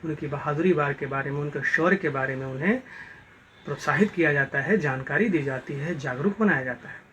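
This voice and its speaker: Bihari-accent guy teaching hindi class, bright voice, kinda far off mic, faint hiss behind. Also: fairly high pitch, lo-fi sound. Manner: slow, drills pronunciation by repeating words. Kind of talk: recorded online class lecture. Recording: distant mic with faint background noise.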